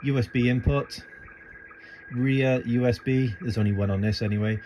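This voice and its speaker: The voice is male, medium-pitched and darkish, with a steady tone at a moderate pace. He's making an amateur radio tutorial video, holding a phone to film the setup while he hesitantly thinks aloud through a casual, unscripted tour of screen and equipment, captured in a noisy amateur recording.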